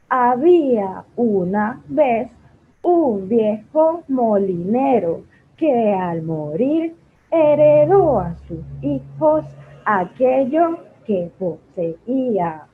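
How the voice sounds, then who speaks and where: A woman putting on a monotone robot voice, reading a fairy tale slowly and mechanically in a voice class. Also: a little high, a little hiss or hum, pitched below the performer's own voice, heavily acted. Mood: robotic. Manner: slow, flat, mechanical reading. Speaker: voice acting student. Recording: tinny phone-like audio.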